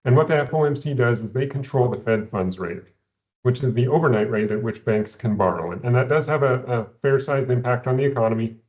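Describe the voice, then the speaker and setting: A man, an investment adviser, explaining economics in a measured way, often repeating words at the start of phrases, heard over a video call. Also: medium pitch, darkish tone, muffled recording. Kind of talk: explaining economics in a recorded company Q&A.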